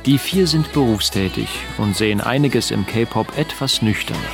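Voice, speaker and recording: A man reading a scripted documentary voice-over in a measured, even way. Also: fairly low pitch. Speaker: documentary narrator. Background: background music.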